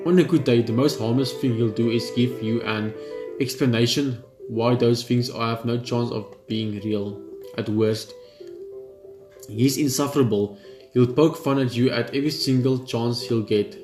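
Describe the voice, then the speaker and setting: Measured and fairly even in intonation, this medium-pitched male voice narrates visual novel text during a let's play, occasionally tripping over words and going back to reread. Asides break up the reading. Game music plays in the background of an echoey room.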